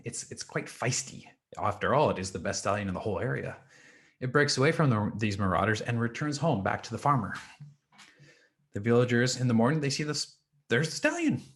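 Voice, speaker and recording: A man, a life coach, telling an old parable in a conversational presentation. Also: medium pitch. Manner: animated, conversational storytelling. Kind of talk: storytelling in a presentation.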